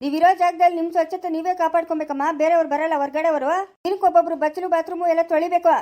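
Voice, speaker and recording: Lady doing a strict jail guard, bossy, rattles off orders quick, high voice, chikkaballapura kannada accent. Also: fairly even intonation, warm tone.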